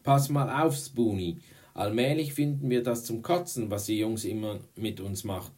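A man voicing a bossy, scornful schoolgirl ringleader in a storybook reading, pitched well above his own voice. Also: moderate pace, darkish tone, lightly acted. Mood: defiant. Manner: sneering and defiant.

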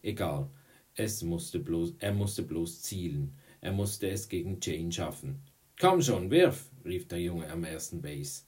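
Deep-voiced man reading a storybook aloud. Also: a little slow, mellow. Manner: frequent slips and self-corrections. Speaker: reader. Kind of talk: reading a children's novel aloud.

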